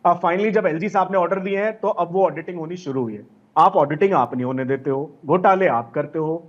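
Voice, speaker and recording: A man's voice: fairly high pitch, brisk, muffled recording. A man speaking as a party spokesperson in a heated panel debate, insistent and accusatory, piling up rhetorical questions and repeated lists.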